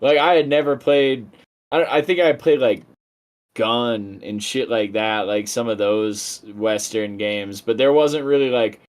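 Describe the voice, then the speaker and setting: A man's voice: medium pitch, measured pace. A young man streaming a game, talking in a rambling, enthusiastic way and swearing casually as he chats. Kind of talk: casual live-stream chat while gaming.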